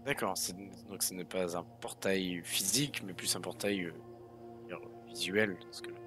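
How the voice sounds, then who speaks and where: Playing a tabletop game, this man mixes playful banter with in-character lines, talking at an ordinary pace in a low voice while music plays underneath.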